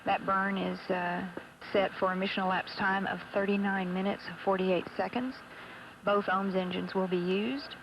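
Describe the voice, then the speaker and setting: Creaky, even-toned female mission control commentator. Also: medium pitch, highs cut off. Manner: hesitant, halting with many pauses. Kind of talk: live launch commentary. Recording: noisy mission control broadcast feed.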